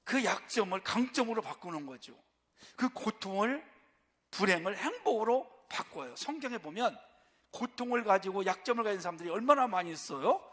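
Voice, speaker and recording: High-voiced pastor preaching in a church hall. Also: male voice, very animated, normal speed, fairly bright tone. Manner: asks rhetorical questions and answers them. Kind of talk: sermon. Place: church sanctuary. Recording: long church reverb.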